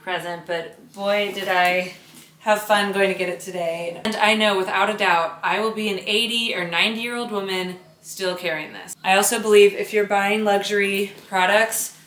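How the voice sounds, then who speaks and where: A woman's voice: medium pitch, steady tone, normal speed, fairly bright tone, echoey room. A woman chatting in a gushing, bubbly way as she shows off gifts in her bedroom for a vlog. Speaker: vlogger. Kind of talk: casual haul vlog chat. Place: home bedroom.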